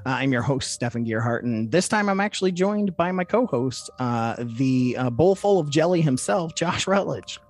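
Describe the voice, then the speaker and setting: A man's voice: a little high, lively intonation, moderate pace, few pauses, soft background music. Jokey man hosting a casual podcast. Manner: jokey, slangy. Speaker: podcast host. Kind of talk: casual, bantering podcast chat.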